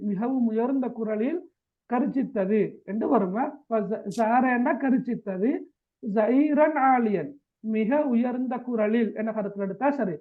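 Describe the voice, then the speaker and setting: A man teaching an Arabic text in class, repeating each phrase and asking students to check they follow. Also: extremely high pitch. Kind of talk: classroom translation lesson. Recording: tinny phone-like sound.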